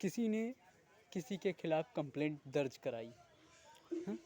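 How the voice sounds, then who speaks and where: A man's voice: on the high side, big pitch swings, measured pace, dark tone. A man delivering a heated, indignant monologue to viewers, swearing crudely and firing off rhetorical questions. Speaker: video creator. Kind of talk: ranting monologue to camera.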